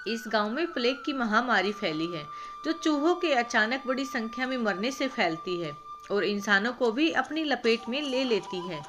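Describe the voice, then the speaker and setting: A woman's voice: on the high side, lively intonation, normal speed, lightly acted. A woman reading a storybook voices a frail, sick old village man who pleads with a visitor. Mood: earnest. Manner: pleading, then earnest and heartfelt. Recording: background music.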